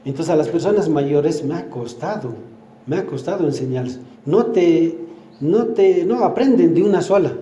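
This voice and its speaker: A man's voice: a little high, lively intonation, moderate pace, mellow, reverberant, highs cut off. An older man gives a sermon at church, teaching with everyday examples and asking the congregation questions. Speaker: church speaker.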